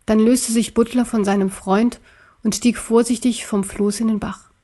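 A woman reading a children's story aloud in a calm, even storytelling manner, sometimes dropping to a soft whisper. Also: on the high side, normal speed. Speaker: story narrator.

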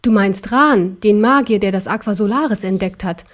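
A woman's voice: medium pitch, normal speed, lightly acted. A woman reading a storybook aloud, voicing a timid, curious man who asks hesitant questions.

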